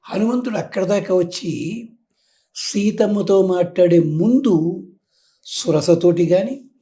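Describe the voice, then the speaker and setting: A man's voice: high voice, takes it slowly, dark tone. A man, a spiritual teacher, explaining devotion through stories and homely analogies and acting out quoted lines.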